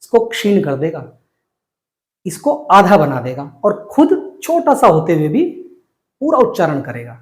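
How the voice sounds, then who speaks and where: A man teaching Hindi reading, slowly repeating and drilling syllables at a board. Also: on the high side, very animated, a little mellow, roomy sound. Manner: slow, repetitive drilling of syllables. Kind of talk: whiteboard reading lesson.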